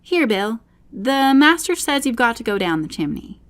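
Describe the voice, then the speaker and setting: A woman's voice: on the high side, sing-song, moderate pace, fairly bright tone, voice pushed up. A woman voicing bustling little animal workers in a storybook, calling out short, urgent instructions. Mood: bustling, bossy.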